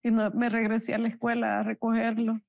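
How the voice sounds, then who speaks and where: Bereaved mother as interview guest, slightly high voice, dry close sound, slow halting earnest telling. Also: completely flat delivery, vocal fry, no room sound, lo-fi sound. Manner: emotional, slow, halting storytelling; earnest, religious. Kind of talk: personal testimony in an interview.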